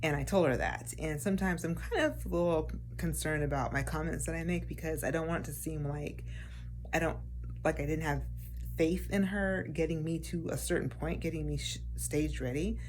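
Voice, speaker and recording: Low-voiced rambling woman in her forties. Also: moderate pace, a little mellow, slight background noise. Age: 40s. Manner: rambling, frequent fillers and restarts. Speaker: vlogger. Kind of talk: casual rambling vlog.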